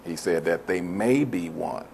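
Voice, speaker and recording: A man's voice: deep voice, a little slow, gravelly, a little mellow, a little hiss or hum. A man preaching a sermon as pastor, stressing key words and stretching out phrases for emphasis.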